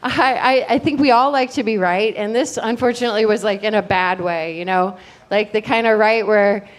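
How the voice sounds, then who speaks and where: A woman's voice: mid-range voice, steady tone, normal speed. A middle-aged woman doing stand-up comedy in a chatty, rambling way, talking straight to the crowd.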